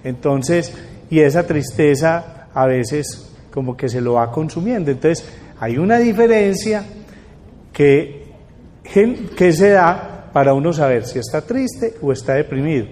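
An older man giving a lively public talk, often asking the audience rhetorical questions. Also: a little high, unhurried. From Colombia. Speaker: lecturer. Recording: long hall reverb.

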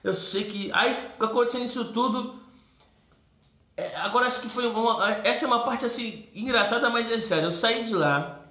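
A man with a Brazilian Portuguese accent telling a testimony story in a casual, animated way, acting out voices and calling listeners brothers. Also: sits high. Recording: roomy echo.

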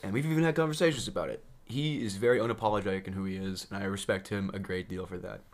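Racing along in a fairly low voice, a young man co-hosts a podcast, telling a story casually, acting out what people said, and laughing a lot.

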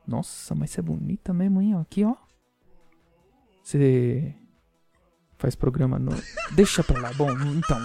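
A man's voice: fairly high pitch, creaky, warm tone. A man hosting a casual podcast, joking with and teasing his listeners. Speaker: podcast host.

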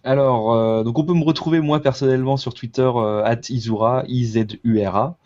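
A man's voice: mid-range voice, fairly even intonation, brisk, darkish tone. A man speaking as a guest on a podcast, casual and hesitant with many fillers; the audio is slightly muffled.

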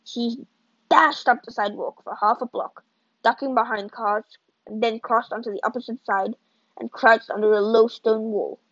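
A woman's voice: a little high, no room sound, lo-fi sound. Woman reading a novel aloud, dry and close. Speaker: audiobook reader.

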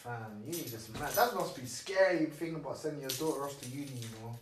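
A young man with a London roadman accent, chatting casually in blunt, animated, slang-heavy street banter. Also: mid-range voice, brisk. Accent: London roadman, urban slang. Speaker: podcast co-host. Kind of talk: casual chat. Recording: echoey room, distant mic, noisy.

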